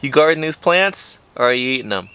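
Young man, vlog co-host, relaxed and jokey, bright voice, outdoor camera mic. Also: mid-range voice, brisk, clean tone. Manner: easygoing, joking, short replies. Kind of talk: casual chat. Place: outdoors in a sunny backyard.

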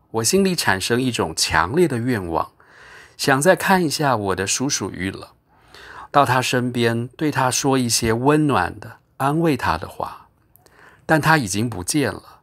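Brief: male storyteller, animated and measured narration. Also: medium pitch. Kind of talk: scripted audiobook narration.

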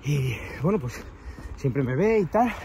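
A man's voice: a little high, very animated, unhurried, a little mellow, a little hiss or hum. A man with a Peninsular Spanish accent rants sarcastically to camera while climbing a steep outdoor path, out of breath, rambling and crude. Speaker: vlogger. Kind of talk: walking vlog rant to camera.

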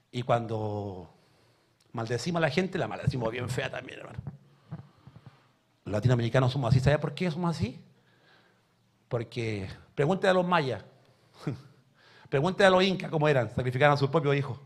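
A man preaching a sermon in a church, telling stories with emotion and swinging from soft to loud. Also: mid-range voice. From Chile.

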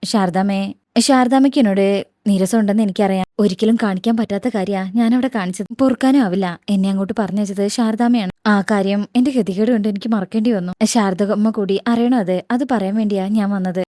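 A woman's voice: mid-range voice, brisk, mellow, dry recording, clean studio sound, lightly acted. A woman voicing a remorseful middle-aged housemaid who explains herself at length in a retold serial.

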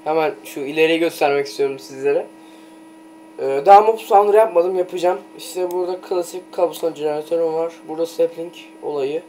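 Young Turkish-speaking gamer narrating play. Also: male voice, on the high side, a little fast, warm tone, slight background noise. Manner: chatty, talks to himself while playing, many "ee" fillers. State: keeps trying to sneeze. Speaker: gameplay commentator. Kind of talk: casual let's play commentary.

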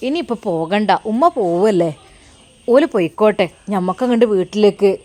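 A woman voicing a gentle mother who soothes her daughter softly. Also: mid-range voice, expressive, brisk, natural voice. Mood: soothing. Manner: soft, soothing.

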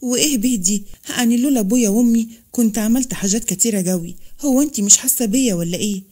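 A woman voicing a forceful, possessive Upper Egyptian man with an Upper Egyptian accent, speaking bluntly in a storybook reading. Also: on the high side, very fast, lightly acted. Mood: affectionate. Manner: blunt, commanding.

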